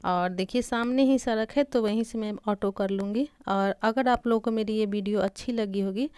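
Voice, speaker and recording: A woman's voice: medium pitch, normal speed, darkish tone, clear, resonant tone, no echo, studio quality. A young woman narrating a family vlog, chatty, walking viewers from room to room. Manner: chatty, guides viewers around while walking. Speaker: vlogger. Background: music.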